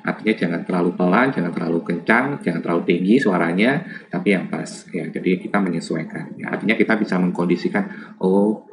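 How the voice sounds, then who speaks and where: A man's voice: sits low, fast. A man from Java giving an informal lecture on lab communication, chatty and full of fillers and tag questions. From Java, Indonesia.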